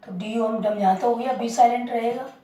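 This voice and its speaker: A woman's voice: on the high side, steady tone, a little fast, dark tone. A woman teaching English word pronunciation as a lesson, repeating words and asking the class questions. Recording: roomy, distant mic.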